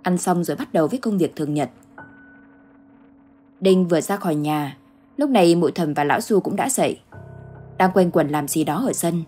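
A woman narrating a ghost story in a steady, measured storytelling manner. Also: fairly low pitch, breathy edge, soft background music.

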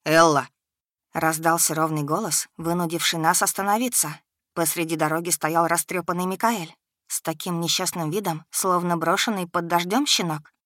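A woman's voice: fairly low pitch, steady tone, moderate pace, a bit bright, no echo, studio quality. A woman reading a first-person audiobook in a dramatic, tense storytelling manner. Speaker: audiobook reader.

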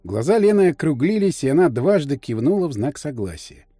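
A man narrating a science fiction story for an audiobook in an expressive, storytelling manner. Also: on the high side, fairly quick, no room sound, faint music behind. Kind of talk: scripted narration.

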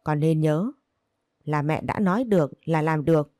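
A bitter, controlling older mother, read by a woman storyteller scolds in a low, mellow voice. She turns every reproach into self-pity. The sound is close and dry. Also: normal speed, no echo, natural voice. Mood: scolding.

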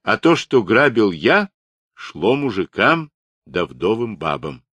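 A man reading the part of a huge, proud runaway peasant who answers calmly and scornfully. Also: on the low side, takes it slowly, breathy edge, no room sound, pitched above the performer's own voice, exaggerated voice. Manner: calm, scornful, blunt replies.

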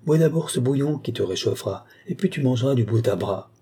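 A man's voice: mid-range voice, animated, brisk, dark tone, husky. A man reading as a teasing young village woman.

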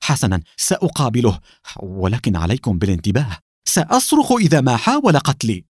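A man's voice: mid-range voice, big pitch swings, brisk, darkish tone, husky, no echo, clean studio sound. A man reading aloud, voicing a nervous male captive in a hesitant, fearful manner.

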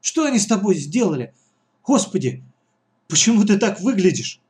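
A man's voice: sits high, very animated, normal speed, darkish tone, voice pushed up. A man voicing an anxious, caring boy who talks worriedly.

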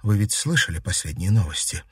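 A man voicing a lively young woman heroine in an audiobook. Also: low voice, brisk, breathy edge, dry recording, heavily acted. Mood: eager.

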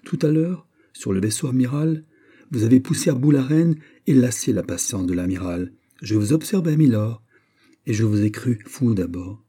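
A man reading aloud, voicing a calm, cold and proud young French nobleman in an audiobook. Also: medium pitch, moderate pace, slightly rough.

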